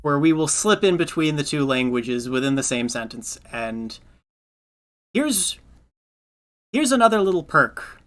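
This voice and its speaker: A man's voice: fairly high pitch, sing-song, measured pace, pauses often, fairly bright tone. A man hosting a podcast, chatting casually in a rambling way, repeating words and laughing often. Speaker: podcast host. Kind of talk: casual chat.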